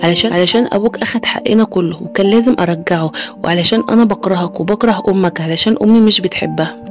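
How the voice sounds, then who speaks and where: A woman's voice: medium pitch, quick pace, soft background music, lightly acted. A woman with an Egyptian Arabic accent voicing a sly, spiteful young second wife in a narrated story.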